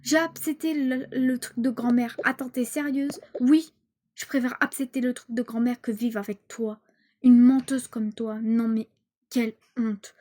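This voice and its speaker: A woman's voice: sits high, unhurried, a little mellow. A woman voicing an indignant teenage girl, almost eighteen, accusing her mother with casual slang. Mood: angry. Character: angry teenage girl nearly eighteen, rebellious.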